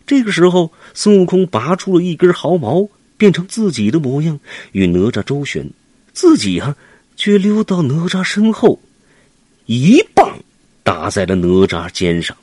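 A man's voice: fairly high pitch, sing-song, moderate pace, darkish tone, slightly rough, no room sound. A man narrating a classic adventure tale for children in a dramatic, vivid way. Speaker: storyteller.

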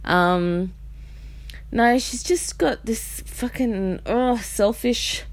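Cranky woman with heavy vocal fry. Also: a little high, extremely slow. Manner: cranky, rambling, scolds the dog sharply. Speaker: podcast host. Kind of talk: casual solo podcast chat. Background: a dog whining and barking.

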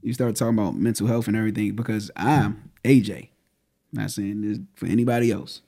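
A man co-hosting a relationship podcast, with a low, gravelly voice. He speaks bluntly and plainly. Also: fairly even intonation, brisk, dark tone. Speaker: podcast co-host. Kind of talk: casual relationship talk.

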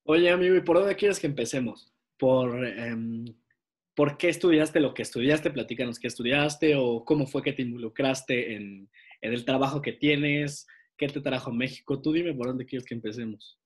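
A man's voice: mid-range voice, normal speed, husky. A man hosting an interview podcast, praising his guest and asking open questions. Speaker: podcast host.

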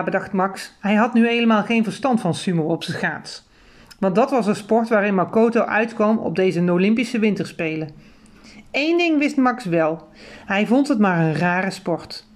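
A woman reading children's books aloud as an audiobook reader, telling the story clearly and evenly with lively emphasis. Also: medium pitch.

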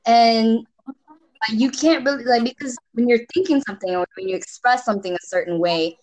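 A young Singaporean woman, speaking with an American accent that still carries Singaporean traces, is a lively, expressive podcast guest in casual chat, laughing often and swearing casually. Her voice is a little high at normal speed, on a low-quality recording.

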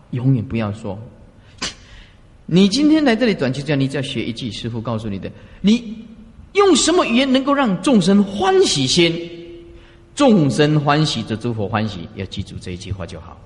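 A man giving an earnest Buddhist dharma talk as a teacher, exhorting his listeners and asking rhetorical questions. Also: mid-range voice. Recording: long reverb of a large hall.

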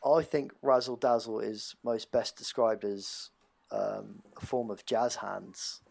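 Guy cohosting, gravelly creaky voice, laid-back and wry. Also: fairly low pitch, slow pace, a little mellow. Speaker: podcast co-host. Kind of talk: casual podcast chat.

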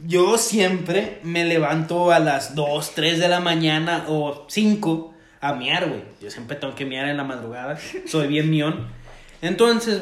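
A young man with a Mexican accent, telling crude, slangy stories on a casual podcast and laughing often. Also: on the high side. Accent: Mexican Spanish. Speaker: podcast co-host. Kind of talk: casual storytelling chat. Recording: echoey room.

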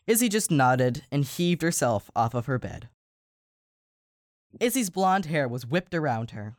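A man co-hosting a podcast and reading a children's story aloud, slowing down for emphasis. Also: on the high side, sing-song, no echo, clean studio sound. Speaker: podcast co-host and story reader. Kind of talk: storybook narration.

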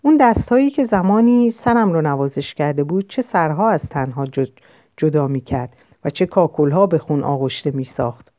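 A woman narrates a novel in the first person, reading in a measured, literary way. Her voice sits low. The recording is dull and lo-fi, close and dry, with no room echo. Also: expressive, dark tone. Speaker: audiobook narrator.

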